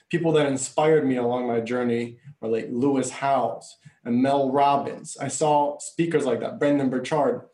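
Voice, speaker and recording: A man's voice: mid-range voice, warm tone. Man born in Bulgaria, Bulgarian first language, earnest interview guest, echoey room. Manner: earnest storytelling. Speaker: guest, coach and speaker. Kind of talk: conversational interview.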